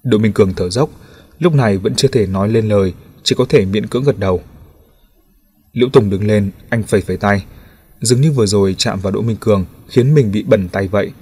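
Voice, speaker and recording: A man narrating a crime novel in an even, steady storytelling manner. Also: fairly low pitch, husky. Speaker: audiobook narrator.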